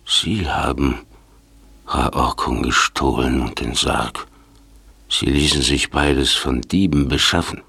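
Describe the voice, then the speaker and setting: Gravelly, very deep-voiced old professor. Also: male voice, slow pace, sharp tone, no echo, heavily acted. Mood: appalled. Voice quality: gravelly, husky. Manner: formal, reproachful. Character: indignant elderly male professor, shocked by his colleague. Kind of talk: German children's detective audio drama acting.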